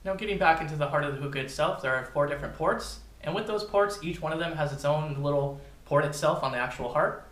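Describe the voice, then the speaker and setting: A man with a fairly high, somewhat bright voice talks fast in a roomy-sounding space. He gives an informal product review, speaking straight to his viewers and calling them "you guys."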